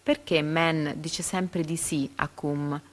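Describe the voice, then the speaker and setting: A woman reading reading-comprehension quiz questions and answer options aloud, pausing carefully after each letter. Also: low-pitched, steady tone.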